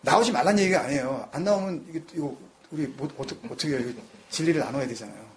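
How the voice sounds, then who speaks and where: A middle-aged male pastor preaching a sermon in an animated way. He acts out quoted voices, puts questions to the congregation and mixes in English phrases. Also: a little high, fast talker, a little hiss or hum.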